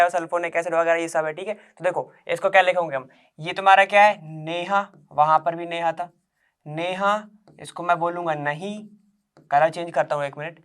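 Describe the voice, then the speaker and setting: A man's voice: high-pitched, fairly bright tone, smooth. A man teaching chemistry to students, explaining step by step in an informal, coaxing way, asking the class questions and repeating the key points. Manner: informal and coaxing, asks the class questions and checks they follow.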